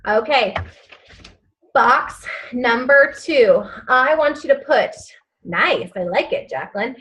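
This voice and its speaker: A woman with a fairly high voice hosts a live online training for her sales team. She talks in an easy, unhurried, chatty way, full of fillers. She walks everyone through each task step by step and repeats the key phrases. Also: a bit bright, low-quality recording. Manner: chatty and upbeat, many fillers. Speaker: direct-sales team leader.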